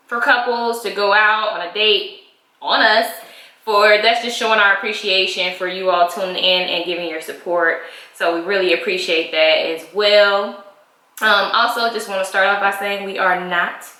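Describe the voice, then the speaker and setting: Chatty bright-voiced woman vlogging in an echoey room. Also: mid-range voice. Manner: chatty, loose, with frequent ums. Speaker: co-host of a married-couple channel. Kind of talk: casual chat vlog. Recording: roomy echo.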